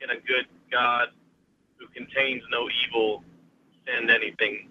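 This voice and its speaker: A man's voice: medium pitch, fairly even intonation, measured pace. A man calling in to a radio show over the phone, asking his question hesitantly with many fillers. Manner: hesitant, many uhs and ums. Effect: muffled phone-line caller voice. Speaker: caller. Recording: muffled phone line, faint noise.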